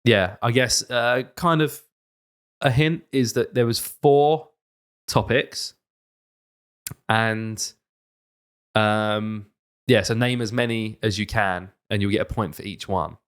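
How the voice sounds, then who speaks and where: A British man with a fairly low voice is running a casual podcast quiz. He talks to his friends in an informal, bantering way as he sets questions and gives out points. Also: slow pace, long pauses, a bit bright, smooth.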